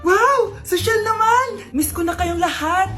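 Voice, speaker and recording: Woman doing silly skit voices, super high, music playing faintly behind. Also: lively intonation, unhurried, bright, forceful tone. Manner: switches between many characters, exaggerated and playful. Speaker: comedy skit creator playing all roles. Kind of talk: comedic skit acting.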